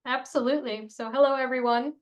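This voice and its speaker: A woman's voice: high-pitched, fairly even intonation, fast talker, highs cut off. A woman, a regional chair, making an upbeat, encouraging announcement.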